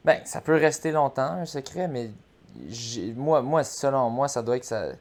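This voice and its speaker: A man with a Quebec French accent talking casually and speculating, haltingly, with repeated words. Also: mid-range voice.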